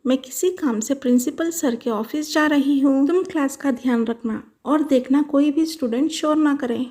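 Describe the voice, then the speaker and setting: Strict schoolteacher voiced by a woman, firm, instructive, high voice, mellow tone, doll-show story. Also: moderate pace, lightly acted. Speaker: teacher.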